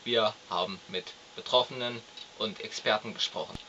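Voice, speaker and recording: A man hosting a satirical magazine show, reading absurd news in a deadpan, mock-serious manner on a dull recording. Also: on the low side, moderate pace. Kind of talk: mock news presenting, scripted narration.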